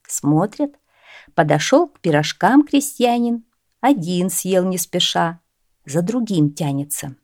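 A woman narrating a folk tale in a measured, expressive storybook reading. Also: lowish voice, no room sound, clean studio sound.

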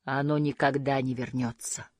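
A woman voicing a young male moomintroll, fretful and bursting into glad shouts, in a storybook reading. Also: very deep voice, flat delivery, moderate pace, no room sound, studio quality, voice pushed down. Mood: fearful.

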